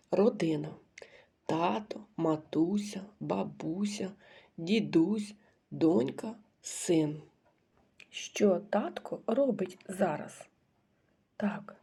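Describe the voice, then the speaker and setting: Kindergarten teacher lady doing a recorded lesson for little kids, super slow and patient, kinda husky breathy voice. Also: lowish voice, mellow. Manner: slow and patient, pausing for children's answers. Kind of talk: recorded literacy lesson for preschoolers.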